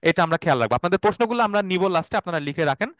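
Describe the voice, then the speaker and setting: A man teaching an online Arabic class, explaining terms slowly, repeating them and checking often that students follow. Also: high voice, animated, fairly bright tone, no echo, clean studio sound. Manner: has students repeat words after him.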